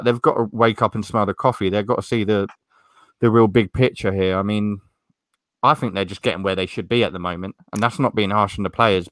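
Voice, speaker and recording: A man's voice: lowish voice, a bit bright, no room sound. A man hosting a casual sports chat in a rambling, hesitant way, often repeating himself. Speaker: podcast host.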